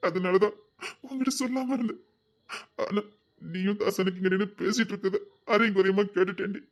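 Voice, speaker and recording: A woman's voice: mid-range voice, fairly even intonation, brisk, lo-fi sound, lightly acted. A woman voicing a remorseful young husband, tearfully pleading and repeating apologies, in a spoken drama. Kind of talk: Tamil audio drama acting.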